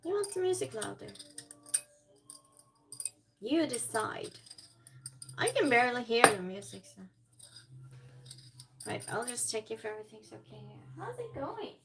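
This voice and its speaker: A woman who isn't a native English speaker chats casually on a livestream while cooking at home, rambling along and reading viewer comments aloud to reply. Her fairly high, creaky voice swings widely in pitch at a measured pace, with long pauses over a noisy background.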